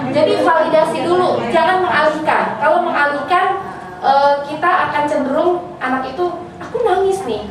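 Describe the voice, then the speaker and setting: A woman giving a parenting seminar, lively and answering questions from the audience. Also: high-pitched. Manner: lively, acts out child and parent voices in examples. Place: preschool seminar room. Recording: echoey hall, from far off, with audience.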